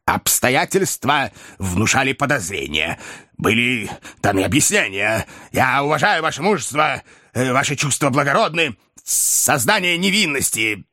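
A man voicing a fierce-looking gentleman, now eager to make peace, who talks in clipped short sentences in a classic novel audiobook. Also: mid-range voice, very animated, unhurried, no room sound, clean studio sound, voice pushed up, heavily acted. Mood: earnest. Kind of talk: audiobook character reading.

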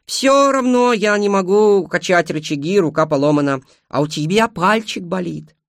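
Man reading a calm, fearless mercenary woman, dry and close. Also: sits high, moderate pace, no echo, pitched above the performer's own voice. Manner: calm, approving. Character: coolly fearless female mercenary.

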